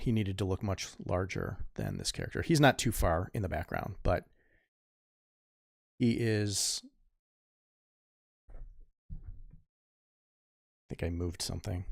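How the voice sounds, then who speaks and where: A man's voice: fairly low pitch, gravelly, dry recording, studio quality. A man in his fifties, a comic artist chatting casually while he draws, rambling and correcting himself as he goes, muttering asides to himself. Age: 50s. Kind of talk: casual tutorial chat while drawing.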